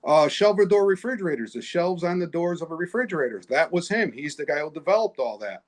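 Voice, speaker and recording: A man's voice: fairly high pitch, expressive, quick pace. A man co-hosting a casual chat, explaining car history and tips in a plain, matter-of-fact way. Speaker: co-host, car expert.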